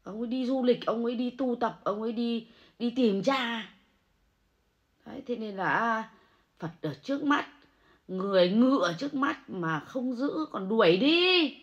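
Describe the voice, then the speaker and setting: A woman ranting angrily and scolding, swinging between low muttering and loud outbursts. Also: animated, measured pace. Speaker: angry supporter ranting online. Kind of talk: angry livestream rant. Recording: muffled lo-fi audio.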